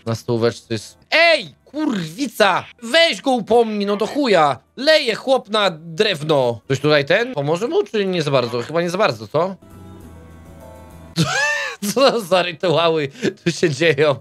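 Excitable, swearing young gaming host. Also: male voice, sits high, unhurried, soft background music. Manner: excitable, swears a lot, yells at game characters. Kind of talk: casual gameplay commentary.

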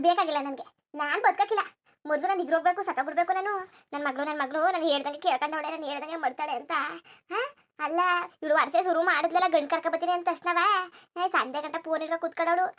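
A woman's voice: very high-pitched, a bit bright. A woman voicing a grieving, bitter middle-aged village mother in a cartoon, lamenting and scolding between sobs. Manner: lamenting, scolding, sobbing in bursts. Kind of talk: cartoon dubbing.

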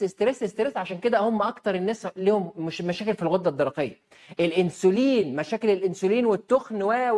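A woman's voice: mid-range voice, dark tone. A woman doctor with an Egyptian accent giving a health advice talk, emphatic and posing rhetorical questions she then answers herself. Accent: Egyptian Arabic.

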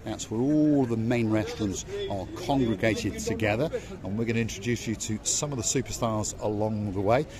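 A man's voice: lowish voice, normal speed, hardly any pauses. Joking man guiding a night walk. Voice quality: chatty, teasing, showman-like. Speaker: vlog co-host and tour guide. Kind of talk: jokey walking-tour commentary. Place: outdoor harbour promenade at night. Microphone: phone camera at arm's length. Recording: busy crowd chatter around.

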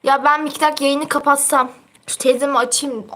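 A woman's voice: sits high, steady tone, quick pace, bright, forceful tone. A teenage girl chatting casually on her livestream, reading out viewer comments in a teasing, chatty way and laughing often.

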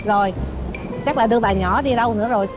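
Brief: actress as a warmhearted neighborhood noodle seller, high chatty voice, motherly fussing. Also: fast, over music, lightly acted. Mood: caring. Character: kind, bustling neighborhood woman who feeds others. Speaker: noodle shop owner. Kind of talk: TV drama acting.

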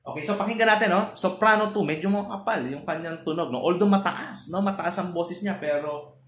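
A man's voice: high-pitched, brisk, fairly bright tone. A man from the Philippines giving a casual online choir lesson. He explains patiently and keeps checking in with his listeners through short tag questions. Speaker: choral music teacher. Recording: roomy echo with faint noise.

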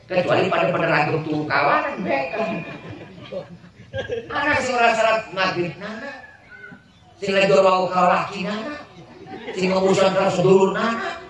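A male Islamic preacher with a Serang Javanese accent, giving a humorous wedding sermon in a lively, joking way. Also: high-pitched. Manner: lively, joking, acts out voices. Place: outdoor wedding gathering. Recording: heavily echoing distant PA with crowd.

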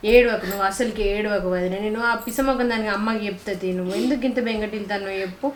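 A woman's voice: mid-range voice, fast talker, echoey room, slight background noise, natural voice. A young woman with a Telangana Telugu accent playing a protective sister-in-law in a village drama, talking in a consoling, coaxing way. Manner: consoling, coaxing, with many questions. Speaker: actor in a village short film.

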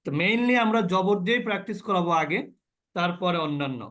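A man with a high voice teaches a recitation class. He drills the sounds of the letters one by one and keeps asking his students questions as he goes. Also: lively intonation, fast, fairly bright tone. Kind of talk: online class lesson.

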